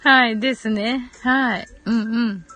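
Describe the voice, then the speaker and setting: Hosting a relaxed live audio stream, a woman chats, reads listener comments aloud, and giggles frequently amid lots of short acknowledgements. Her slightly high voice is steady, a little slow, and sounds pushed and bright.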